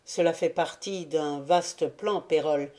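A woman reading the lines of a stern, measured male naval officer in a storybook. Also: low-pitched, darkish tone. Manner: measured, severe.

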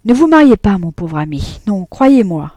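A woman's voice: mid-range voice, sing-song, moderate pace, mellow, no echo. A woman voicing a bluff middle-aged husband caught in a lie, jovial and then defensive, in a read-aloud novel. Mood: blustering.

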